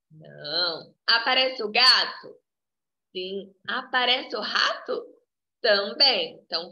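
A woman preschool teacher with a Brazilian Portuguese accent, coaxing little children through a remote lesson in a slow, singsong way and saying "ó" again and again. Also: medium pitch, sharp tone. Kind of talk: remote class for small children. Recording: echoey, dull lo-fi home video.

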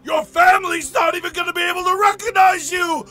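An actor playing a bitter, drunk male wolf who snarls and shouts threats in a short film. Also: high voice, big pitch swings, measured pace, loud music behind the voice, full character voice. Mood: threatening. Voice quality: gravelly.

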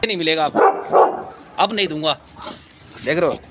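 A man with a slightly high voice vlogs casually from a rooftop, teasing his dogs and chatting with his viewers. It is recorded on a handheld phone out in the open. Noticeable background noise and dog sounds carry through. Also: normal speed. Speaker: vlogger. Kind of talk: casual pet vlog. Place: rooftop, outdoors.

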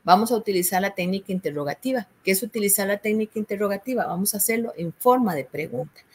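A woman's voice: medium pitch, lively intonation, fast talker, a little mellow, husky. Patient Costa Rican woman tutor explaining. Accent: Costa Rican Spanish. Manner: patient, explanatory, frequent "¿verdad?" and "este". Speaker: university tutor. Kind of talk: explaining a course assignment.

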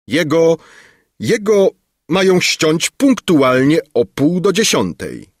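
A man's voice: lowish voice, big pitch swings, unhurried, breathy edge, dry recording, clean studio sound, full character voice. A man voicing an anxious, fawning court minister in a storybook reading, urgent and pleading.

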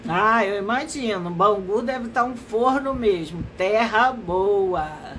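A woman's voice: mid-range voice, a bit bright, a little hiss or hum, poor audio. A woman, a therapist hosting a casual live stream, her voice nasal and stuffy from allergies. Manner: slow, unhurried, explanatory.

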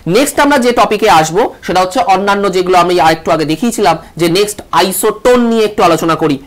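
A high-pitched man teaches a televised online class, stressing syllables and repeating key words. He poses questions and then answers them himself.

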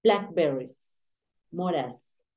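A woman teaching English in a relaxed lesson, repeating words and explaining pronunciation. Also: low voice, drawn-out words. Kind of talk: casual online English lesson.

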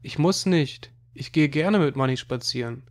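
A man reading an audiobook, voicing an excitable young girl who is unsure of herself. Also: medium pitch, moderate pace, natural voice. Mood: plaintive.

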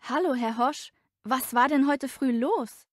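Higher-voiced woman reading a scripted chat. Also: measured pace, no echo, clean studio sound. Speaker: office worker in a dialogue. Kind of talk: scripted dialogue for a language lesson.

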